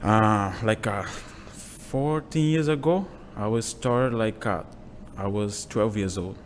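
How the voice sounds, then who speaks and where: Man, 20s, Brazilian Portuguese accent, native Portuguese, low voice, halting English, "you know" fillers, faint room noise. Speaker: guest, jiu-jitsu instructor. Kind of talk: casual interview. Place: small home gym.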